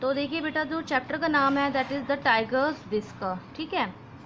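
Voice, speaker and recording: A woman's voice: high-pitched, takes it slowly, a bit bright, slight background noise. A young woman teaching a lesson to children, switching between Hindi and English as she explains. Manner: mixes Hindi and English, addresses children as "beta".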